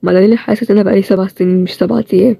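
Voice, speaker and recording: A woman voicing a tired, stubborn young man with an Egyptian accent, in a low-key, plain-spoken way. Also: fairly even intonation, racing, creaky, mellow, breathy edge, no echo. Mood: teasing. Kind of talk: storybook role-play series.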